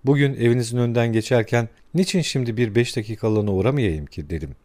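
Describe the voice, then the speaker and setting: A man's voice: medium pitch, fast, a little mellow, natural voice. A man voicing a cunning middle-aged male investigator with a cheerful, needling politeness in a storybook reading. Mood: jovial.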